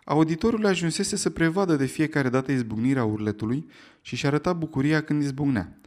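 Male audiobook narrator, steady telling. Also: a little high. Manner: steady storytelling delivery.

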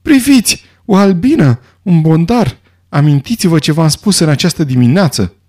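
A man voicing a tense, frightened young woman, his voice raised high and shrill. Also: animated, dark tone, close to an everyday voice.

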